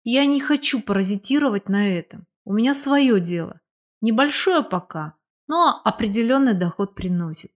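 A woman's voice: a little high, animated, normal speed, lightly acted. A woman reading the part of a confident, playful young man in an audiobook, speaking with joking bossiness. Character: young man, cheerful, confident, teasing old friend. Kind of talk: audiobook character voice.

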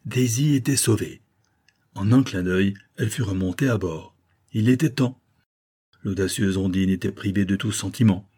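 A man reading a novel aloud in measured storytelling narration. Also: on the low side, warm tone, slightly rough. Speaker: audiobook narrator. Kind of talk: scripted narration.

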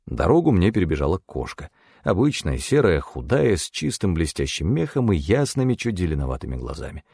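A man narrating an audiobook in an expressive storytelling manner. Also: low-pitched, brisk, gravelly, slightly rough, dry recording, studio quality.

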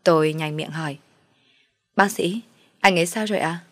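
A woman's voice: fairly low pitch, normal speed, no room sound, studio quality. A woman telling a first-person family story aloud and speaking all the characters' lines herself. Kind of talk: first-person story narration with voiced dialogue.

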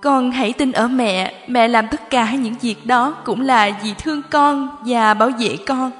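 A woman's voice: a little high, measured pace, close to an everyday voice. A woman voicing a middle-aged mother who begs forgiveness in a choked, trembling voice, with background music under the reverb. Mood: pleading.

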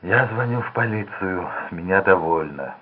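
A man's voice: sits low, animated, moderate pace, slightly rough. A man voicing a nervous small-time crook, urgent and edgy, in a tinny lo-fi recording. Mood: exasperated. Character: anxious small-time male crook, young. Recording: tinny phone-like lo-fi sound.

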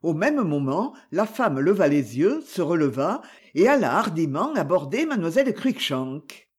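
Un homme qui lit un roman à voix haute, une narration écrite et expressive à la première personne. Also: male voice, a little high, normal speed, husky. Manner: expressive first-person reading. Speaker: audiobook reader. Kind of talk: scripted narration.

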